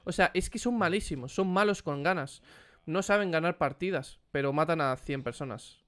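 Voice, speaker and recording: A man hosting a casual gaming chat, animated and swearing as he exclaims over the gameplay. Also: fairly high pitch, moderate pace. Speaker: streamer host.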